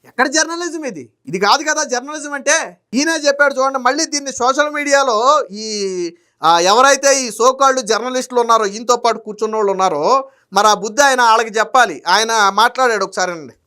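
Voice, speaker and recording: Combative high-voiced male political commentator. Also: fairly quick, pushed and bright, smooth. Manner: combative, fires rhetorical questions at someone not present. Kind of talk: heated opinion monologue.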